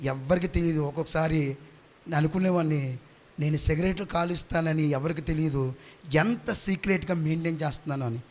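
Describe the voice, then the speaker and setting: A man with a notably high voice preaches in church with an Andhra Pradesh Telugu accent. He is fervent and repetitive, driving his points home and stirring the congregation to respond. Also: brisk. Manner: fervent, repetitive exhortation, urging the congregation to praise louder. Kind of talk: sermon.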